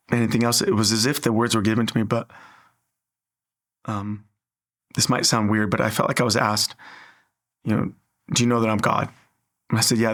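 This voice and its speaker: A man's voice: lowish voice, gravelly, a bit bright. A man sharing an earnest personal faith story in an interview, acting out the dialogue as he tells it.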